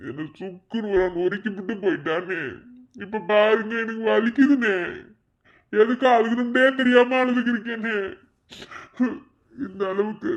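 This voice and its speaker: A self-pitying young village drunk in a cartoon, voiced by a man, speaking in a Madurai Tamil accent. His voice is high, his talk is whiny and slangy, and the recording sounds dull and lo-fi.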